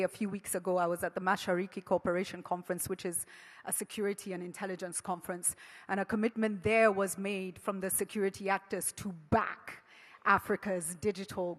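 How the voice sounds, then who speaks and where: A woman moderating a panel discussion, lively and speaking directly to the audience. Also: medium pitch. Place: conference hall. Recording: reverberant conference hall.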